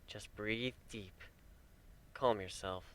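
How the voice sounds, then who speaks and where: In a story reading, a man voices a gentle, wry male pegasus pony who is a devoted husband, speaking softly and soothingly with a light teasing touch. His voice is lowish and pushed down, slow, with fairly even intonation.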